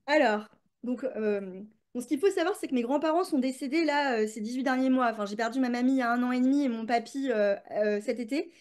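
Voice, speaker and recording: A woman's voice: a little high, fairly quick, a little mellow. A woman, a creativity coach, chatting as a podcast guest with many fillers and restarts. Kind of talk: casual podcast interview.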